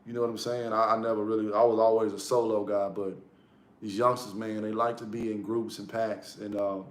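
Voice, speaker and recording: A man's voice: lowish voice, flat delivery, fairly quick. A man giving a casual motivational monologue, blunt and profane, repeating key lines for emphasis. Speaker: motivational vlogger. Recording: echoey room.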